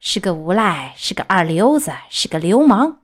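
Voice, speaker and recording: A stern, scolding cricket read by a woman, lively storybook delivery. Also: mid-range voice, normal speed.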